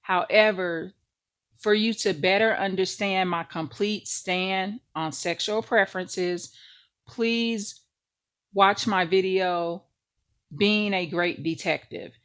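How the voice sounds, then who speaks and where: A woman's voice: on the low side, slow pace, a bit bright. A woman hosting a ministry channel, preaching a monologue to the camera and repeating phrases for emphasis.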